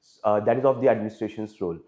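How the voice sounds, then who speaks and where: Over phone-quality audio, a man in his twenties with an Indian English accent answers interview questions formally in a fairly low voice at a very fast pace. He's a hesitant, deferential candidate who fills his speech with fillers and often adds "sir."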